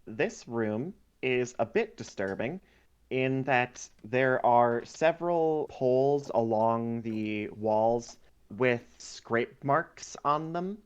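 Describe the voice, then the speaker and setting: A man's voice: medium pitch, expressive, takes it slowly, smooth, muffled recording. A man narrating as game master of a tabletop game, describing scenes unhurriedly with frequent fillers.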